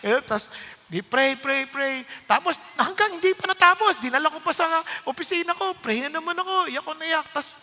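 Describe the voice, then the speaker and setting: A middle-aged man preaching with a high, bright voice that rings through a large hall with long reverb. He tells personal stories with lively energy, acting out each exchange and laughing often. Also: normal speed. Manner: animated, acts out dialogue, laughs often. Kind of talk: sermon with personal storytelling.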